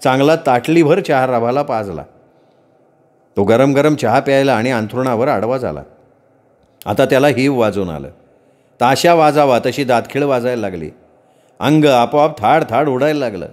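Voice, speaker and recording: A man telling a folk tale in the traditional oral style, vivid and expressive, full of folksy comparisons. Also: medium pitch, moderate pace, pauses often. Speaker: storyteller.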